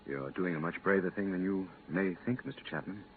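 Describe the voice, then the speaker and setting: In a 1950s radio drama, a man acts as an earnest space commission official, explaining hard choices with firm, regretful emphasis in a low voice that rises and falls strongly. His delivery is brisk, measured and close to everyday speech. The noisy transcription sounds muffled, with clear background noise.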